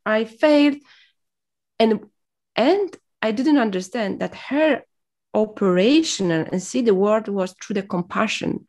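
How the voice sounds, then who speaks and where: Unhurried and a little mellow, a mid-range female voice belongs to an interview guest whose mother tongue is Polish. She speaks reflectively to motivate, pausing with fillers as she hunts for her wording.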